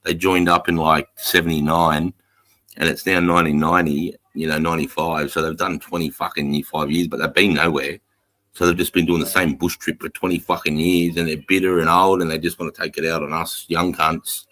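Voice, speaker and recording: A man's voice: low voice, little pitch movement, a little fast, sharp tone. An Australian man in his forties chatting casually and bluntly, swearing heavily and using blokey Aussie slang. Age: 40s. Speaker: military veteran and podcast talker. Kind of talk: casual chat.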